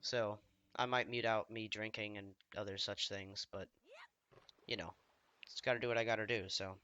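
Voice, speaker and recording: The lo-fi recording catches a slightly hoarse, unwell gamer with a fairly low, fairly even voice that sounds pushed and bright at a moderate pace. He rambles through casual commentary, running himself down and trailing off mid-thought.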